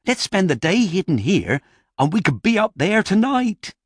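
A small gnome leader calls out orders in a high, bold voice, as a male storyteller puts him on. The voice is husky and animated, and it lifts well above the narration. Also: normal speed, no echo, clean studio sound, exaggerated voice. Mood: eager.

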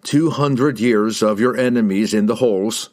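A man's voice: fairly low pitch, darkish tone, natural voice. A man doing a young barbarian warrior. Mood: reasoning. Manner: measured, reasoning, earnest. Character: big young human barbarian warrior, earnest. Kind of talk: audiobook character voice.

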